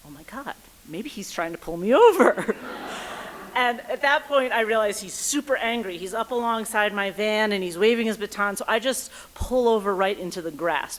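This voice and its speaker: A woman's voice: medium pitch, a bit bright. A woman in her thirties tells a personal story live on stage, acting out voices and thoughts with comic timing. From United States. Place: theater stage before a live audience.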